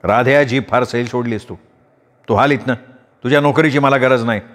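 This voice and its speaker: A male storyteller playing a stern, short-tempered rich landowner who speaks slowly and weightily. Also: medium pitch, a bit bright, natural voice.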